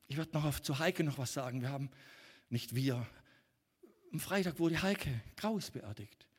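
A middle-aged man preaching a sermon as pastor, emphatic and animated with sudden loud outbursts. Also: mid-range voice, normal speed, husky. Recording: long reverb of a church hall.

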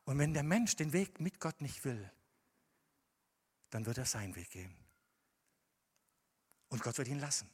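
A male preacher delivering a sermon in a church hall, his slightly husky voice carrying a long, ringing reverb around him. His pitch rises and falls widely as he shifts from hushed, deliberate scripture reading to loud, passionate appeals. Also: big pitch swings. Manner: swings from quiet, measured reading to loud, impassioned emphasis.

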